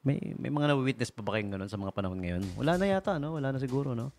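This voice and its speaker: A man's voice: medium pitch, expressive, very fast, darkish tone. A man hosting a casual radio show, rambling and joking, laughing often and mixing in English phrases. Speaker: radio DJ host. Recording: radio broadcast with faint music behind.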